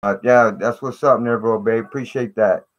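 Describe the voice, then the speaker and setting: A man's voice: medium pitch, fairly even intonation, fairly quick, highs cut off. A man hosting a casual live stream, greeting viewers in slangy, repetitive talk through fuzzy, distorted audio. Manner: slangy, repeats "man" and "you know".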